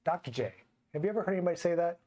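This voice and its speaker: A man's voice: on the high side, animated, very fast, mellow, muffled recording, slight background noise. A man co-hosting a fitness podcast, telling stories from training clients in a conversational way. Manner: conversational, anecdotal, quotes clients. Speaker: podcast co-host, personal trainer. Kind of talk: casual podcast discussion.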